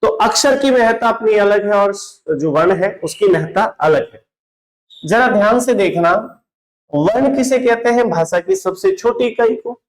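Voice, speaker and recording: A man's voice: high voice, lively intonation, a little slow, rough recording. A man teaching Hindi grammar in an online lesson, often asking a question and answering it himself, calling his students brother and dropping English words into his Hindi. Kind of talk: classroom-style online lesson.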